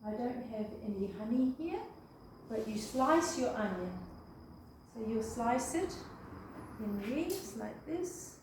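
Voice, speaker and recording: A woman from Australia, her pitch fairly high, presents a health demo slowly but with animation, often asking "okay?" or "eh?" in a chatty way. A far room mic captures her, so the sound is echoey and distant, and there's background noise.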